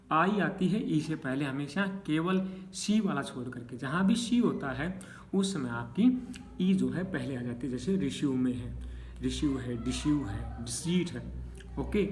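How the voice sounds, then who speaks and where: A man's voice: on the high side, a little mellow, a little hiss or hum. A male teacher explaining spelling rules to his students, patiently walking through example after example and checking in with a repeated "okay.".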